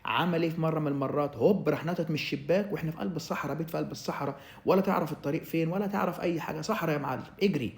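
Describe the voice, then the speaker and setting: Fast-talking Egyptian man, echoey room. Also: fairly high pitch, vocal fry. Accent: Egyptian Arabic. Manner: animated storyteller, acts out quotes, addresses listener as "ya m'allem". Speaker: vlogger telling his own migration story. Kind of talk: casual storytelling to camera.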